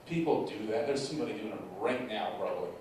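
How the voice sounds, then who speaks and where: A man doing a stand-up comedy set on a theater stage, telling a story with animated delivery that bursts into loud stretches. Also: on the low side, fast, slight background noise. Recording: echoey room from far off.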